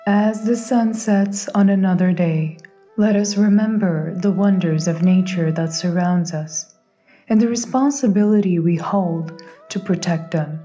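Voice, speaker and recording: A woman reading scripted nature documentary narration in a measured, reverent manner. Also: medium pitch, dark tone, faint music behind.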